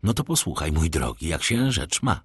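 A man's voice: extremely low pitch, big pitch swings, moderate pace, breathy edge, no echo, clean studio sound, pitched below the performer's own voice, full character voice. A man reading as a boastful young dandy. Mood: animated. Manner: boastful, theatrical. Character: vain, witty young Frenchman, boastful and theatrical.

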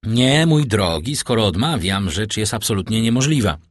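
A man reading an audiobook, voicing a frank, loyal young journalist with a husky voice. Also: lowish voice, expressive, normal speed, dry recording, clean studio sound.

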